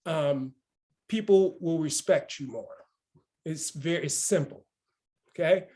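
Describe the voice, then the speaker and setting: A man around fifty with a fairly high voice leads a morning motivational session at a measured pace. He is full of energy and keeps checking in with listeners by asking "right?"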